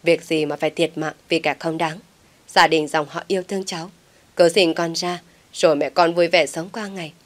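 A middle-aged villager gives calm, consoling advice, as a female narrator reads him. The voice is fairly low. It is part of a one-voice audiobook drama. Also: moderate pace, lightly acted. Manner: consoling, advising.

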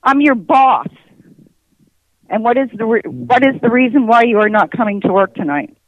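A woman's voice: fairly high pitch, animated, moderate pace, no echo. A woman posing as someone's boss on a prank phone call, heard over the phone and repeating the same insistent lines. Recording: muffled phone line.

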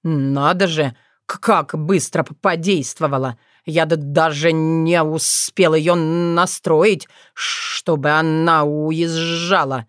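Audiobook: woman voicing a cold, stammering young fox-man, deep and dry. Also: no room sound. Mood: subdued. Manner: slow, stammering, subdued. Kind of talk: audiobook character voice.

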